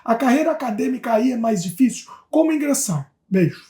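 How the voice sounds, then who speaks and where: A woman from Brazil co-hosts a relaxed talk show, reading viewer comments and adding quick asides. Her voice sits a little high, and the room gives it a noticeable echo. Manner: lively, reads comments aloud, chatty asides. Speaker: co-host. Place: home in Canada. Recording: roomy echo.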